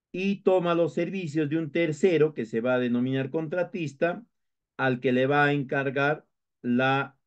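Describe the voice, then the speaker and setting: Peruvian man lecturing, muffled recording. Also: on the high side. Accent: Peruvian Spanish. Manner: explanatory, with frequent hesitations and restarts. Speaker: instructor.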